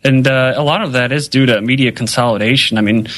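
Man, medium pitch, casual commentary, rambling delivery, conversational journalist. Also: steady tone, quick pace, a bit bright.

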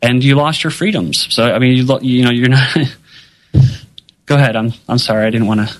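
A man with a mid-pitched voice talks as a journalist in a casual, conversational way. His commentary rambles along loosely, with frequent filler phrases. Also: normal speed.

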